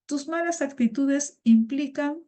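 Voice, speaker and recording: A woman's voice: high voice, takes it slowly, warm tone. A woman teaching a vocabulary class over a video call, patient and repeating words. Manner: patient, repeats words and greets students by name.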